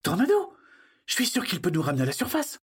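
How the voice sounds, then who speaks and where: A man putting on a nervous young boy in a storybook, voice pushed way up high, shaky and stammering, breathy and husky underneath. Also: huge pitch swings, quick pace, exaggerated voice. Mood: eager. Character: timid excitable young boy.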